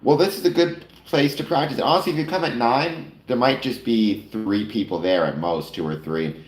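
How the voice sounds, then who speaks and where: Talking to viewers on a casual late-night live stream, a man with a medium-pitched, slightly nasal voice speaks at a moderate pace, full of fillers and self-corrections. The sound carries a roomy echo.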